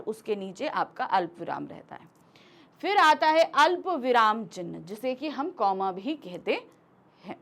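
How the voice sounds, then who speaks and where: A woman's voice: a little high, fairly bright tone. A woman teacher explaining a grammar lesson step by step, acting out example sentences as she goes.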